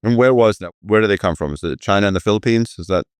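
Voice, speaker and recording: A podcast host runs a business show, introducing guests and questioning them in an easy, conversational interview style. His voice is on the low side and fast, with a clean tone and no echo.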